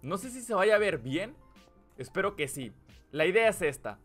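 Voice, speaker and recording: Bright-voiced Mexican man narrating gameplay. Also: sits high, big pitch swings, moderate pace, faint music behind. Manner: chatty, thinks aloud while building. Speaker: gaming channel host. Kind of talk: casual gameplay commentary.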